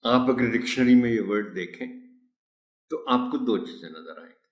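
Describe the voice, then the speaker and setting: A man training teachers in a pronunciation lesson. He explains slowly and patiently and repeats model words. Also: mid-range voice, lively intonation. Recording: echoey room.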